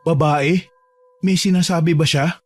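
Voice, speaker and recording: A man voicing a calm, protective gardener who reassures a trapped girl in a horror drama. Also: measured pace, no room sound. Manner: calm, reassuring, low-key. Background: faint music.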